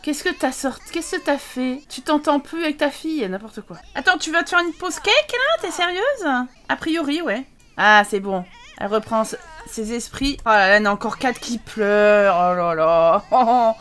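A woman's voice: sits high, big pitch swings, normal speed, fairly bright tone. A woman commenting on her video game, exclaiming and teasing the characters with mock exasperation and frequent laughter. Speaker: let's play gamer.

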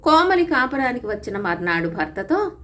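A woman storyteller reading a moral folk tale in a steady, scripted narration. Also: fairly high pitch, moderate pace.

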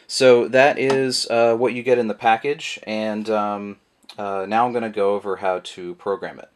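A man with a fairly low voice talks at a moderate pace, giving a relaxed, rambling how-to demo of a product that's packed with fillers. He's a product reviewer, and the camera mic catches him at a table indoors.

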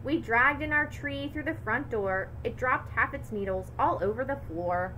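Bright, expressive woman reading aloud. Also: fairly high pitch, moderate pace, a little hiss or hum, poor audio. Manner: lively, expressive storytelling. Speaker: teacher. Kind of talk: reading a picture book aloud to children.

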